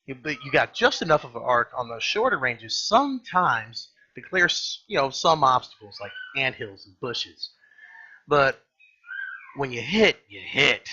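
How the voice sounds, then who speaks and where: A man giving casual, off-the-cuff game commentary in a rambling, halting way, often correcting himself and using blunt, salty slang. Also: medium pitch, very animated, sharp tone, husky, dull audio. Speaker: gaming video host.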